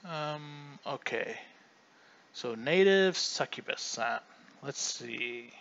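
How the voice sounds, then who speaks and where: A man's voice: mid-range voice, animated, slow, gravelly, a bit bright, dull audio, slight background noise. A man hosting a casual livestream, chatty and rambling, often restarting mid-sentence. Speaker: livestream host.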